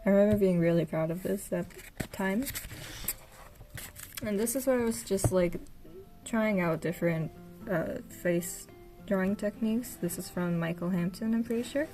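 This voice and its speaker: A young woman narrates a casual sketchbook tour for her art vlog, looking through old books over background game music. Her voice sits in the mid range at normal speed, with frequent pauses. She's soft-spoken and tentative, uses many fillers, and her voice grows tired.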